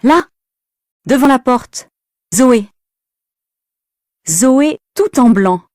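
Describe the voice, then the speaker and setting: A woman's voice: high voice, animated, drawn-out words, darkish tone, no room sound, studio quality. A woman narrating a story for language learners, reading carefully and expressively.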